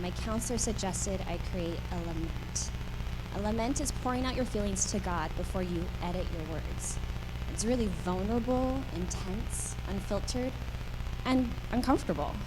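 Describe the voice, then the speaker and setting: Earnest woman giving a devotional, noisy room. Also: mid-range voice. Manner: earnest, personal. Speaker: devotional speaker at a church team meeting. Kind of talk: devotional talk. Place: room at a team meeting.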